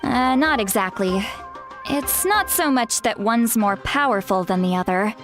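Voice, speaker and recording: An earnest woman guide from a fantasy game, caring and measured as she explains things. Her voice sits a little high, with game music playing faintly behind it. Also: lively intonation. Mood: solemn, explaining. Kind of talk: scripted video game dialogue.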